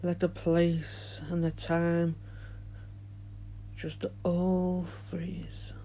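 A man leads a guided meditation in a soft, hushed, soothing voice, leaving long pauses as he goes. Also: fairly high pitch, monotone, rough recording. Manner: soothing, gentle, drawn-out delivery with long pauses. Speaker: podcast host and meditation guide.

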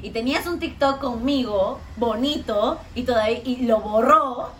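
A young woman, co-hosting a podcast and telling family stories in animated casual chat. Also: a little high, normal speed, a little hiss or hum. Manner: animated storytelling, acts out relatives' voices. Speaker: podcast co-host.

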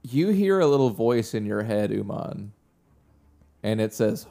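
A man's voice: fairly low pitch, sing-song, a little slow, gravelly, dark tone. A man working as game master, narrating a tabletop game in a casual, conversational style. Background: music.

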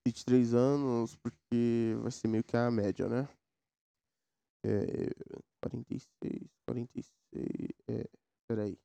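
Rambling between topics in slang, this São Paulo podcast host in his 20s speaks slowly in a mid-range, gravelly, warm voice with fairly even intonation. He records his solo show at home near a mechanical keyboard through a sound card, with no room sound.

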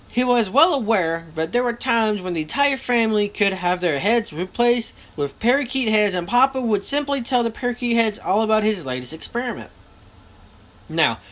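A woman reading a novel aloud with lively delivery, now and then stopping to correct herself. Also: on the high side. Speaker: reader.

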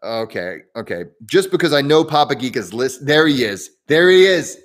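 This livestream host from southern Indiana has a mid-range voice that's very animated, delivered at a moderate pace in his local accent. Answering viewers' questions, he rambles casually and keeps restarting.

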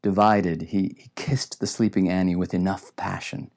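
A man narrating an audiobook in a measured, reflective way. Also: low-pitched, little pitch movement, darkish tone. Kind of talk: scripted narration.

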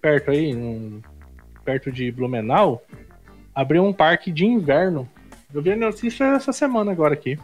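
A man's voice: a little high, expressive, normal speed, faint music behind. A Brazilian man with a Brazilian Portuguese accent chats casually on a podcast, slangy and full of tag questions.

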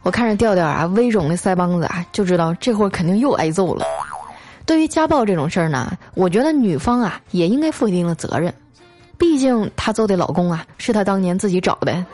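A woman's voice: mid-range voice, expressive, brisk, darkish tone, faint music behind. A woman hosting a comedy talk show, telling jokes in a playful, teasing way. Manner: playful, teasing, acts out characters' lines. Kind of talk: scripted comedic storytelling.

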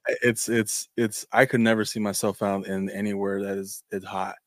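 A man hosting a podcast, from Mexico, talking in a halting, casual way with many restarts. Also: lowish voice, level tone, dry recording, studio quality. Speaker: podcast host. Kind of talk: casual interview talk.

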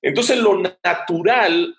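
A man's voice: sits high, slow pace, fairly bright tone. A man speaking as an interview guest, an advertising director explaining his work at length, thinking aloud with frequent hesitations.

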